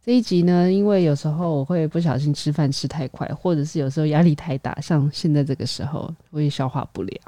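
A woman co-hosting a casual podcast, soft-spoken and teasing. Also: low voice, fast talker, hardly any pauses, no echo. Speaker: podcast co-host. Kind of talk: casual chat.

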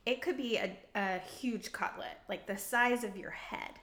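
A woman co-hosting a podcast, teasing and animated in casual storytelling. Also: mid-range voice, measured pace. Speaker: podcast co-host. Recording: roomy echo.

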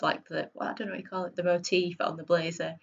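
Female podcast guest, Bradford accent, creaky and a little husky, informal, self-deprecating, slightly lo-fi sound. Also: fairly low pitch, flat delivery, fast. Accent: Bradford, West Yorkshire. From Bradford, northern England. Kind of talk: casual conversational interview.

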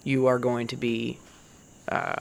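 A woman's voice: a bass voice, completely flat delivery, takes it slowly, gravelly. A woman comedian in her forties, talking in a candid, profane casual monologue and laughing now and then. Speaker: stand-up comedian.

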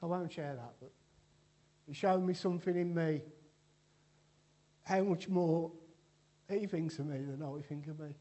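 A man's voice: on the high side, measured pace, long pauses, warm tone. A man preaching an informal church sermon in a chatty, joking way, often restarting his sentences.

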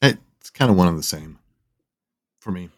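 A man hosting a casual gaming podcast, talking in halting starts and reading listener lists aloud. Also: low voice, lively intonation. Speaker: podcast host.

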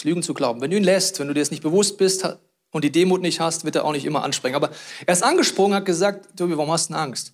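Male pastor, middle-aged, high voice, lively sermon storytelling, loud bursts and quiet asides. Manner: animated storytelling with sudden loud outbursts and hushed asides. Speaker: preacher.

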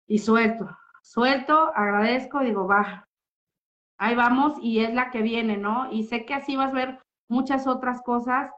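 Woman, guest giving a heartfelt, expressive testimony. Higher-pitched voice, dull lo-fi recording. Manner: heartfelt, expressive, many tag questions. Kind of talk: emotional personal testimony. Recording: muffled lo-fi audio.

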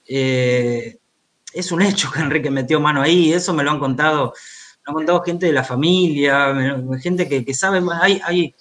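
An Argentine-accented man, interviewed by remote video call as an author, journalist and biographer, has a voice on the high side with a fairly bright tone. He moves at a moderate pace, conversational and hesitant, frequently repeating words.

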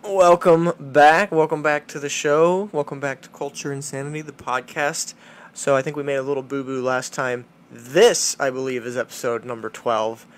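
A man hosting a podcast with casual commentary, halting and rephrasing as he goes. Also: mid-range voice, level tone. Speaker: podcast host.

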